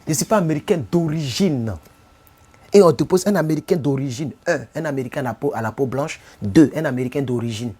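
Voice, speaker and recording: A man's voice: fairly high pitch, dark tone, breathy edge. A man from Côte d'Ivoire with an Ivorian French accent, speaking casually in a live stream. He repeats himself often and keeps asking his viewers whether they follow him. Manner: repetitive, addresses viewers with rhetorical questions.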